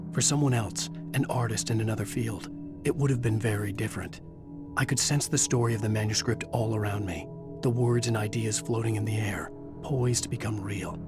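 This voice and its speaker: Game lead: haunted writer narrator, played by a man, low, measured, brooding, over clear music. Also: lightly acted. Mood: reflective, ominous. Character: haunted male writer, weary, resolute, introspective narrator. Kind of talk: dramatic scripted game narration. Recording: music behind voice.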